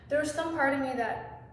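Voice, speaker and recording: A young woman telling a candid, rambling personal story to camera, swearing often and filling her talk with fillers. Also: high-pitched. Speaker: vlogger. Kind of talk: confessional storytime monologue. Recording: echoey room, mic set far off, faint noise.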